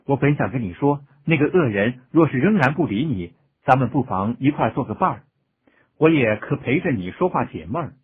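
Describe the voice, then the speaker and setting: A sincere, kind-hearted young man from a storybook, speaking gently and earnestly, as a male narrator plays him. The voice is husky with a lively pitch. The sound is thin and phone-like. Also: fairly quick. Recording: tinny phone-like audio.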